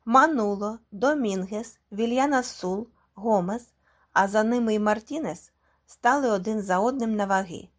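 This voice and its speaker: A woman reading a short story aloud as a calm, measured audiobook narrator. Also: medium pitch. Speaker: audiobook reader. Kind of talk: scripted narration.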